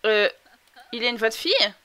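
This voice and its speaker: A young woman giving chatty, excitable commentary while playing a life-simulation game, talking through a headset mic. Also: on the high side, brisk. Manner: chatty, excitable outbursts, thinks aloud. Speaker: gaming YouTuber. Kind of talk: casual let's-play commentary.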